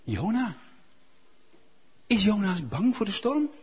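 A man preaching a sermon, animated and firing rhetorical questions at the congregation. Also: high-pitched, slow pace, breathy edge, lo-fi sound.

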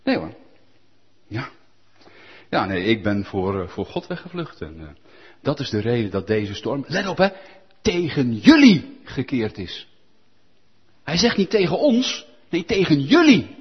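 A man preaching a sermon, animated and firing rhetorical questions at the congregation. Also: medium pitch, moderate pace, long pauses, slightly rough, muffled recording.

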